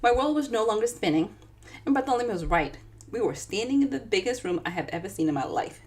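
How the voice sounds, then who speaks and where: Speaking fast in a slightly high voice, a Dominican-accented author chats with her viewers and reads aloud from her own book during a live session. She's animated and addresses the audience directly.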